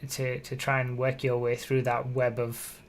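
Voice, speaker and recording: A man co-hosts a casual podcast, thinking out loud in long strings of clauses. He repeats words as he searches for his point. His sentences often trail off quietly. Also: mid-range voice, completely flat delivery, unhurried. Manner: musing, repetitive, trails off softly. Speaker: podcast co-host. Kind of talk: casual chat.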